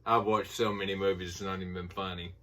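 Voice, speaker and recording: A man's voice: sits low, level tone, brisk, pushed and bright. A middle-aged man with an Appalachian hillbilly accent, rambling casually and folksily through a haul vlog. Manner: folksy, informal. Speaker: movie collector showing a haul. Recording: voice distant from the mic.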